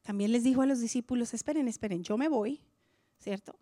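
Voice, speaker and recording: A woman preaching a sermon in a church, impassioned, swinging from loud declarations to hushed near-whispers. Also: a little high, a little fast, no room sound, studio quality.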